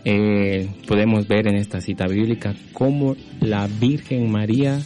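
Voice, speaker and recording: Low-voiced man hosting radio. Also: steady tone, a little slow, mellow, soft background music. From Guatemala. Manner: friendly, keeps adding tag questions. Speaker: radio host. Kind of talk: casual religious radio talk.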